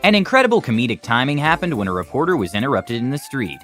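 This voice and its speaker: A man reads scripted narration for a video compilation, explanatory and lightly wry, over background music. His medium-pitched voice is very animated and moves at a quick pace.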